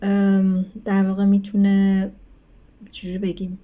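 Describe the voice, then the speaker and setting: A woman teacher explaining English grammar in a recorded lesson, speaking quickly in her explanations and slowing right down for English examples, often checking in with her students. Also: mid-range voice, completely flat delivery, warm tone, highs cut off. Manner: switches between quick explanations and slow, deliberate English examples; addresses students as kids, asks rhetorical checks.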